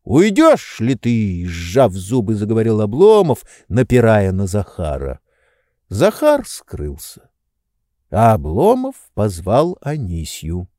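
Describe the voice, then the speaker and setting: Slow, dark-voiced male audiobook narrator. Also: fairly low pitch, no echo, studio quality. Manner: slow, theatrical reading with lively voiced dialogue. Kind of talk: scripted narration of a classic novel.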